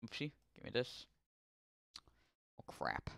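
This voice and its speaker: A young man casually commenting on his gameplay, chatting to in-game characters and yelling curses when startled. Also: slow pace, no echo, studio quality. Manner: yells and swears when startled. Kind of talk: casual let's-play commentary.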